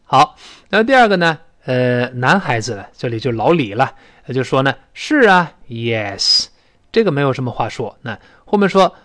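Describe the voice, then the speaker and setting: A man teaching a spoken English lesson, explaining phrases and modelling pronunciation slowly. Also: dry recording, studio quality. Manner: lively explanatory teaching, rising to high pitch for emphasis.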